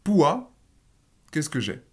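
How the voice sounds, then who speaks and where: A man's voice: fairly high pitch, sing-song, takes it slowly. A man teaching a linguistics lesson in French. He walks through the rules step by step, with fillers and small asides. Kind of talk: recorded screen lesson.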